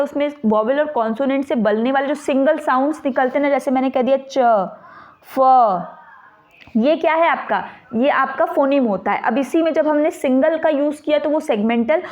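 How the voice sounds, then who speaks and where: A high-voiced woman with an Indian English accent teaches an exam-prep lesson. She reads definitions slowly, then explains them in quick bursts, asking questions and answering them herself. The audio is dull and lo-fi. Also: a little mellow.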